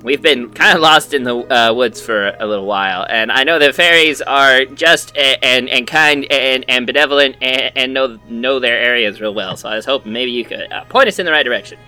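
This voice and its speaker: Male player, very bright crisp voice, stammers and restarts, laughs a lot. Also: medium pitch, fairly quick, hardly any pauses, faint music behind. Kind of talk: tabletop role-play.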